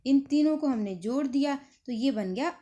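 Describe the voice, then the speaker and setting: A woman's voice: high voice, lively intonation, moderate pace, dark tone. A woman teaching a phonics lesson, patiently sounding out letters one at a time and then joining them into words, repeating each word.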